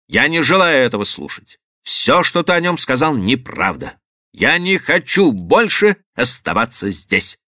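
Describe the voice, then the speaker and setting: A man's voice: medium pitch, big pitch swings, a little slow, bright, forceful tone, no echo, clean studio sound, full character voice. A male reader voicing a passionate, defiant twenty-four-year-old daughter in an audiobook, arguing heatedly with her father. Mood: firm. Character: defiant young woman, 24, passionate.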